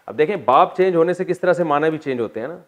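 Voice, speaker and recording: Pakistani guy teaching a quran class, slow drills then quick jokes. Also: on the high side, expressive, highs cut off. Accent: Pakistani Urdu. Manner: drills word forms slowly, then quick asides to the class; jokes with students. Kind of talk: classroom lecture on Arabic grammar.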